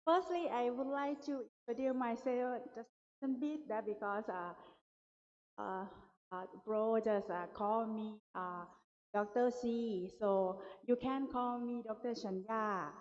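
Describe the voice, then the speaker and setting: A woman's voice: on the high side, steady tone, slow, a little mellow. A woman from Thailand with a Thai accent, giving a conference talk in hesitant English full of fillers. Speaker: conference speaker. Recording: muffled echoey hall PA.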